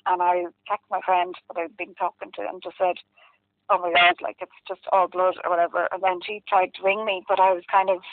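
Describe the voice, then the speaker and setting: With a west of Ireland accent and a mid-range voice, a woman tells a personal story in a casual, candid, rambling way, packed with filler phrases. The line is muffled and dry, like a phone, with no room sound.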